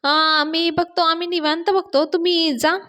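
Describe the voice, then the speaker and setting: A woman retelling a flustered young husband's lines in a hurried, placating way, pitched above her narration. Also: little pitch movement, a bit bright.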